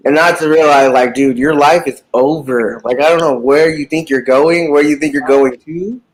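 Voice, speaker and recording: A man's voice: fairly high pitch, steady tone, moderate pace, low-quality recording. A man in a casual live book chat, talking animatedly about a book, with frequent swearing and lots of fillers. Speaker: book discussion participant.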